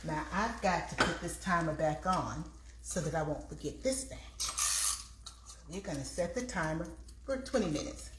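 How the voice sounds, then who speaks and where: A woman's voice: low-pitched, lively intonation, normal speed. A woman hosting a casual home cooking livestream, chatting to viewers and rambling as she thinks aloud. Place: indoors in a home kitchen. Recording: roomy echo, faint background noise.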